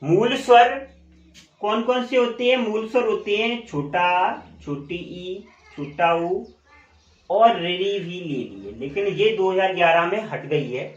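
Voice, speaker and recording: A male teacher giving a classroom lesson, asking questions and answering them himself, and repeating key terms slowly. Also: high voice, lively intonation. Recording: echoey room, dull lo-fi sound.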